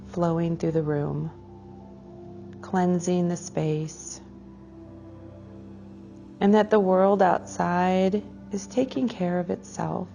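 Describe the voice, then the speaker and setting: A woman with a low, creaky voice leads a slow guided meditation for a group class. She is soothing and unhurried, drawing out her phrases and letting the endings trail off softly.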